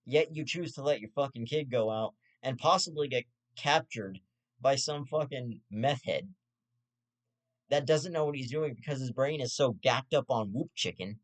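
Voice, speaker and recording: A man's voice: medium pitch, normal speed. A young man hosting his own show, ranting in profane, rambling casual commentary with stammered restarts and half-joking asides.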